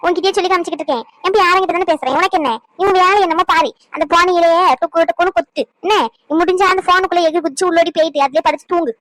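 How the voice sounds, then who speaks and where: A woman's voice: extremely high pitch, a bit bright, no echo. A woman voicing a fussy, scolding older grandmother in a cartoon. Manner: nagging, scolding. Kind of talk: cartoon voice acting.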